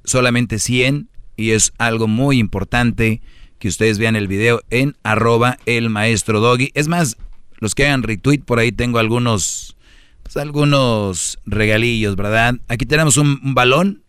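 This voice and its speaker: A man's voice: medium pitch, unhurried, fairly bright tone, clear, resonant tone, dry recording, studio quality. A man hosting a radio show, arguing and teasing his co-host in casual banter. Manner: teasing, sarcastic, argumentative.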